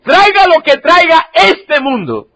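A man in his sixties preaching a sermon as pastor, swinging from loud, emotional preaching to soft, quiet stretches. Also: very high voice, huge pitch swings, slow pace.

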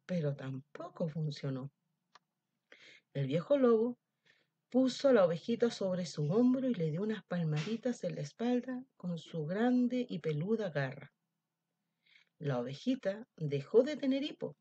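Woman teacher reading a story, husky. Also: fairly low pitch, measured pace, dull audio. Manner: gentle, expressive storytelling. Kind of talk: storybook narration for children.

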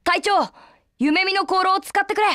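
A woman voicing an eager, loud, friendly village youngster in a video game, with boisterous, boyish casual speech. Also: extremely high pitch, normal speed, no room sound, studio quality. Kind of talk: video game character acting.

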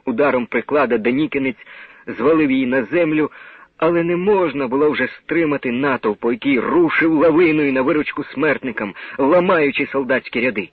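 A man giving a grave, measured dramatic reading of a novel as narrator. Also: mid-range voice, slightly rough, no room sound. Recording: narrow old radio broadcast sound.

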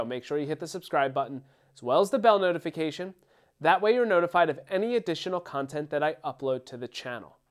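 A man's voice: fairly high pitch, smooth. Upbeat Philly-accented man explaining gear. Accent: Philadelphia. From Philadelphia, USA. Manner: upbeat, explanatory, detail-heavy. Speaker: drum channel host. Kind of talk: casual product demo talk.

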